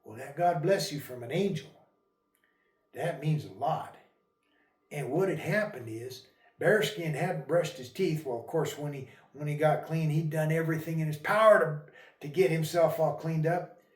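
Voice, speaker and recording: A man's voice: fairly high pitch, moderate pace. A man telling a folk tale in a folksy, drawling storytelling manner. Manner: folksy, rural dialect, drawling asides. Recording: echoey room, voice a bit far from mic.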